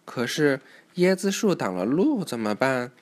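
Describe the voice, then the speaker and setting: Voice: mid-range voice, sing-song, a little slow, a little hiss or hum. Parent storyteller, read-aloud for a young child, instructive and inviting answers. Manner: instructive, asks the listener questions.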